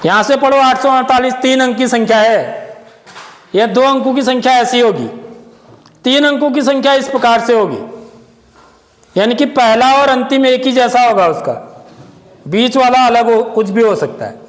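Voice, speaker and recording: A man's voice: very high voice, moderate pace, long pauses. A man teaching a maths lesson to pupils in a classroom, often checking that they follow with questions. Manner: keeps checking understanding with questions. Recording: echoey room with long reverb.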